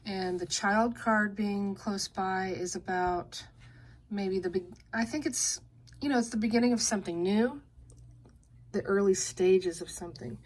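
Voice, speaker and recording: A woman giving a general card reading, explaining each card in a slow, gentle, explanatory way. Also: mid-range voice. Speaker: card reader. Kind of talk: relaxed card-reading video.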